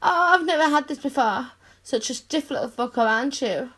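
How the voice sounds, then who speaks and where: A woman performing a scripted roleplay monologue in a teasing, commanding, dominant manner, with breathy sighs. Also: high voice, expressive, fairly quick, fairly bright tone.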